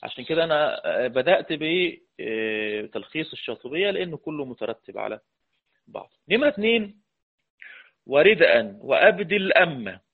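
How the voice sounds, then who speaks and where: A man with an Egyptian Arabic accent teaching a lecture on Quran recitation, talking conversationally, putting questions to the class and chanting verses slowly. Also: fairly high pitch, lively intonation, vocal fry. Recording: tinny phone-like audio.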